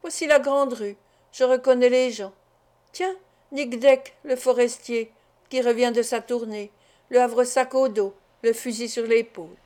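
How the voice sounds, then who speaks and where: A superstitious old village shepherd, as a woman reader puts him on, exclaiming in wonder at what he sees. The voice sits a little high and is read aloud in a storybook way. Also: steady tone, unhurried, a little mellow, close to an everyday voice. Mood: amazed. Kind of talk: audiobook character reading.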